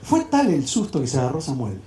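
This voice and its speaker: A man with a Uruguayan accent, giving a storytelling sermon to young people in a dramatic, animated way. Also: mid-range voice, fairly quick, a little hiss or hum. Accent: Uruguayan Spanish. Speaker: speaker at youth event. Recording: echoey hall.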